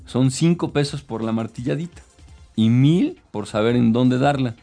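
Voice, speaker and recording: A man voicing a kindly old male village watchmaker in a retold story, speaking calmly. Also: medium pitch, normal speed, vocal fry, faint music behind, pitched above the performer's own voice, natural voice. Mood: knowing.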